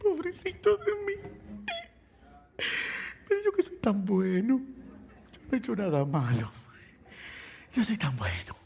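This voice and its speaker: A soft, whining, self-pitying man, as a preacher acts him out, with a high and gravelly voice. He complains in a mournful, sorrowful tone. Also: huge pitch swings, unhurried, long pauses, a little hiss or hum, full character voice. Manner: whiny, sorrowful, soft-spoken.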